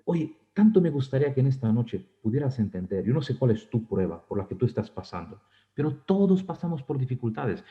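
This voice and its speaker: A male pastor preaching a sermon, telling personal stories in a loose, chatty way and breaking into laughs now and then. His voice sits at an ordinary middle pitch. The recording is somewhat muffled and lo-fi. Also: sing-song, a little fast. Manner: conversational, anecdotal, laughs often.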